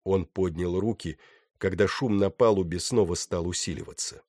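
A man narrating a novel with steady, dramatic storytelling. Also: sits low, moderate pace, no room sound, clean studio sound. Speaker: audiobook narrator. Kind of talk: scripted narration.

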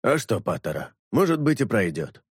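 Male narrator doing a wary, gruff street tough with a grumbling, jumpy delivery; dry close mic. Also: on the low side, sing-song, normal speed, no room sound.

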